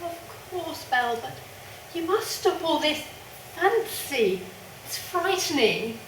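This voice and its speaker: An actress playing a worried, conventional sister who coaxes and frets in a stage play. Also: female voice, high-pitched, big pitch swings, slow, a bit bright, slight background noise, heavily acted. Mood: concerned. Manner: anxious, coaxing, proper. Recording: echoey stage sound from a distance.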